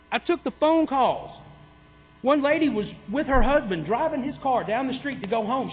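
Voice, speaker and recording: A man giving a heated, sarcastic public comment speech at a city council meeting, driving his points home with repeated questions. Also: very high-pitched. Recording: tinny, echoey hall with mains hum.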